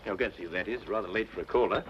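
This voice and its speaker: Speaking low and rapid-fire in a natural voice, an English actor plays a detective in an old radio drama, nonchalant, confident, deductive, and drily funny. The mood is wry, and the noisy, dull old recording carries background music.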